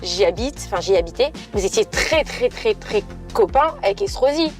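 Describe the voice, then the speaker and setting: A woman's voice: medium pitch, lively intonation, moderate pace, faint music behind. A woman from the south of France interviewing a guest in a chatty, playful way. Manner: chatty, playful, laughs often. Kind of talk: casual conversational interview. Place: in a van.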